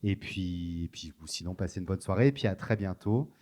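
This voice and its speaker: A man's voice: sits low, fairly quick, warm tone. A man hosting a post-screening talk at a cinema café, making informal announcements. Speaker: event host. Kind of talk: announcements at an event.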